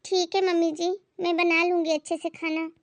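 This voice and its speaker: A woman's voice: extremely high pitch, level tone, normal speed, no echo. A woman voicing a patient young daughter-in-law who speaks politely but firmly, in a moral story drama. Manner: polite, firm.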